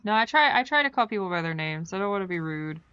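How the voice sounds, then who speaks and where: Chatty woman streamer, bright tone. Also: mid-range voice, lively intonation, fast talker, clean tone, muffled recording. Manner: chatty, self-deprecating, talks to chat. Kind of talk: casual gameplay commentary.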